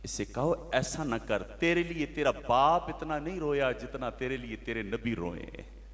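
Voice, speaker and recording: A man's voice: medium pitch, animated, unhurried, big-room sound. A male Islamic preacher, telling stories dramatically in an impassioned sermon at a large religious gathering. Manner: impassioned, dramatic storytelling, rising to shouts.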